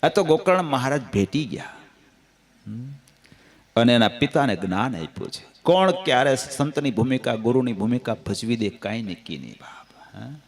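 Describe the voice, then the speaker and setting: A man with a Gujarati accent giving a devotional scripture discourse, telling stories and folk anecdotes in a lively, sing-song way. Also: mid-range voice, normal speed. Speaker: katha storyteller.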